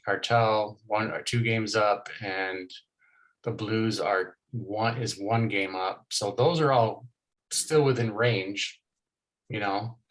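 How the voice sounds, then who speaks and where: A man with a fairly low voice talks through fantasy football standings in casual podcast chat. He rattles off teams and win-loss records in quick bursts, with easy filler words between them. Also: a bit bright, poor audio. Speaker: fantasy football league co-host.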